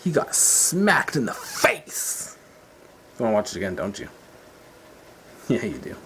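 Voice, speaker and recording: A man's voice: on the low side, big pitch swings, a little slow, a bit bright, a little hiss or hum. A man from Canada hosting his own video channel, chatting casually and joking in a laid-back way. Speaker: channel host. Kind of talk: casual vlog chat.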